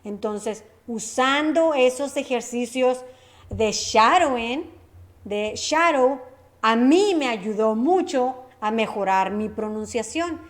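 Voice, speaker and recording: A woman's voice: fairly high pitch, animated, takes it slowly. A woman teaching a lesson, running repeat-after-me drills and checking in with short questions. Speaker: Spanish teacher.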